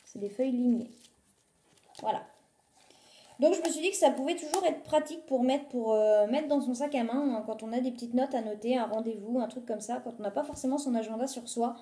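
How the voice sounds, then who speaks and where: Filming a shopping haul on her phone at home, a woman talks casually and uses lots of fillers while listing prices. Her voice is a little high and mellow, with noticeable reverb.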